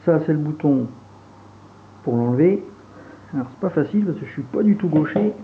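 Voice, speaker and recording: A man's voice: fairly high pitch, normal speed. A man from Franche-Comté with a regional French accent, casually unboxing and demonstrating gear as a reviewer, hesitant and full of fillers. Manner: relaxed, hesitant, many fillers while handling gear. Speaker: airsoft reviewer. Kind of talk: casual product unboxing and demo. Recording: tinny phone-like sound, faint hiss.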